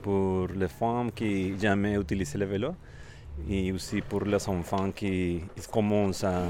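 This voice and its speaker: A man from Colombia with a Colombian Spanish accent, giving interview answers in halting non-native French and searching for words. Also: deep voice, level tone, dark tone, slight background noise. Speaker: volunteer bike mechanic.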